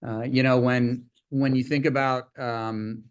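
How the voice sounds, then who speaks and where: A man giving an informal business presentation over a video call as a company executive, with hesitant, halting phrasing. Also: medium pitch, flat delivery, smooth.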